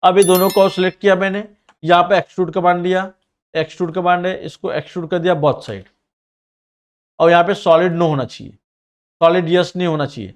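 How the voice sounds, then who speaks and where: A man with a slightly high voice walks students through a ring design in CAD software, narrating each click and command as he goes. He explains plainly and directly to his learners, with a Mumbai Hindi accent. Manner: says he sometimes talks fast. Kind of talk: screen-recorded software tutorial.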